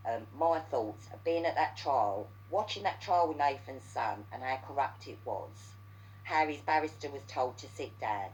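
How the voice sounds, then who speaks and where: A woman with a low, deep voice vents in a heated monologue. She swears freely and stumbles over repeated words as her anger builds. A faint hum sits underneath. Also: poor audio. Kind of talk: angry ranting monologue.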